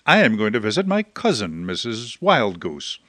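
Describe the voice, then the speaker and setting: A man's voice: fairly low pitch, huge pitch swings, normal speed, fairly bright tone, no echo, full character voice. A man voicing a fussy, determined female goose in a read-aloud storybook, with a prim, firm manner. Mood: fond.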